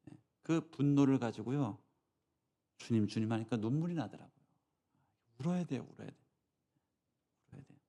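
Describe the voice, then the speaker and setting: A man's voice: mid-range voice, lively intonation, brisk, long pauses, mellow. A male pastor preaching a sermon in a church, emphatic, often tossing rhetorical asides to the congregation.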